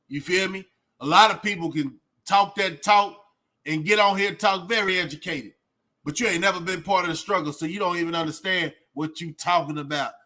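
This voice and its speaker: This reaction livestream host from Texas speaks his mind directly to viewers, using slangy street talk with plenty of "man" and "bro." He sounds high-pitched, pushed and bright.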